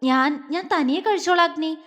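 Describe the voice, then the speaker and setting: A woman voicing a shy, gentle young woman of eighteen in an audio story, soft and hesitant. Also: high-pitched, moderate pace, in a large hall, voice pushed up.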